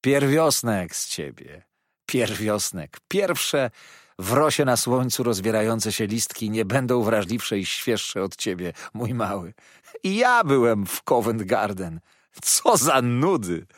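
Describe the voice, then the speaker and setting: A man voicing an elegant, nonchalant young male student in an audiobook reading, offhand and a bit condescending, with a husky voice. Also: lowish voice, sing-song, slow, no echo, clean studio sound. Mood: breezy, nonchalant.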